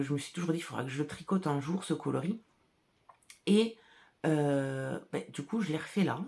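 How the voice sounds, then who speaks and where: Woman, regional French accent, chatty, laughs a lot, slightly gravelly voice. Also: low voice. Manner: chatty and warm about her craft, laughs often. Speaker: hand-dyer and shop owner hosting a podcast. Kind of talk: casual chat.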